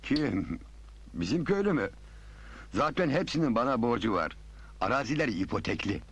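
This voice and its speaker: A scheming village agha, smug and sure of himself. His husky voice swings up and down lively as he talks. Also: medium pitch, normal speed, heavily acted. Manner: smug, confident. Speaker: village landowner. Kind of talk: 1980s film drama acting.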